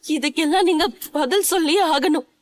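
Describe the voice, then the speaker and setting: This is a defiant young bride from a dubbed TV serial, voiced by a woman. She speaks in a sharp, accusing way in a high voice. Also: normal speed, lightly acted.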